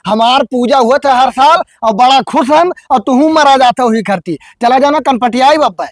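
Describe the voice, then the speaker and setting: A man's voice: very high voice, moderate pace, no room sound, clean studio sound. A man playing a stubborn young village husband in a comedy skit, bickering bluntly in an Awadhi accent. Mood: annoyed. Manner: blunt, bickering rustic talk.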